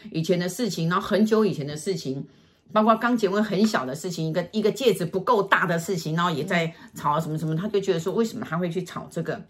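A woman, a fortune teller telling a client's story in casual chat, acting out scenes as she goes. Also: on the low side. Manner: animated, acts out scenes with sighs and gestures.

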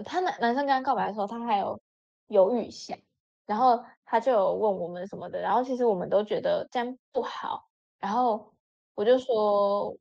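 Animated woman telling a story, lo-fi audio. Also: creaky. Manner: animated, acts out friends' lines with sudden pitch jumps. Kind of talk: casual storytelling chat. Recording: dull lo-fi audio.

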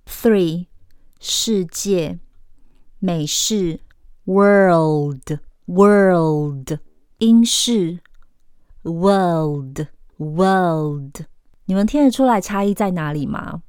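A woman's voice: medium pitch, a little mellow, dry recording, studio quality. A woman from Taiwan with a Taiwanese Mandarin accent, teaching English pronunciation and repeating each word carefully for drilling. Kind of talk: podcast pronunciation lesson.

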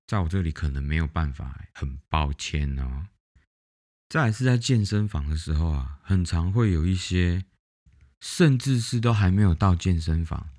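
A man with a Taiwanese Mandarin accent, hosting a casual monologue podcast and telling blunt, animated stories. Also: sits low. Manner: blunt, animated storytelling that acts out the callers. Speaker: podcast host.

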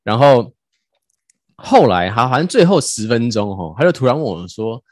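Casual podcast host, man, lively storyteller, dry close sound. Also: mid-range voice, normal speed, no room sound. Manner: animated, laughing, acts out quotes.

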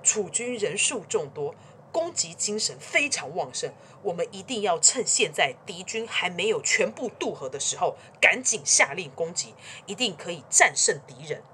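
A cautious, loyal adviser to an ancient duke, earnest and pleading as he urges restraint, voiced by a woman storyteller. His pitch rises and falls with lively swings. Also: normal speed, a little hiss or hum.

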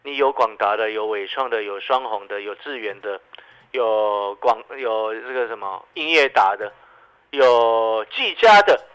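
A man with a Taiwanese Mandarin accent giving radio stock market commentary, animated and full of rhetorical questions to the listener. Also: fairly low pitch, a little slow, smooth, low-quality recording.

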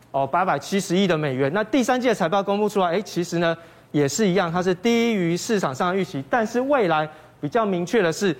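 With a high voice and a Taiwanese Mandarin accent, a man gives financial commentary as a guest analyst. He proceeds step by step, putting questions forward and then resolving them.

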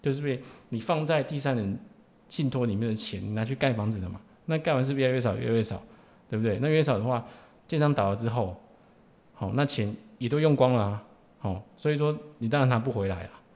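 A man's voice: medium pitch, quick pace, a little mellow. A man with a Taiwanese Mandarin accent explaining informally as an expert guest, punctuating phrases with particles and tag questions. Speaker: lawyer, podcast guest.

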